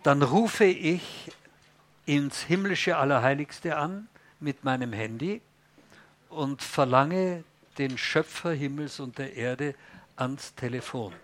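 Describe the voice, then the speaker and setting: Male preacher, emphatic sermon, fairly high voice, asks the listeners questions. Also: slow, a little hiss or hum.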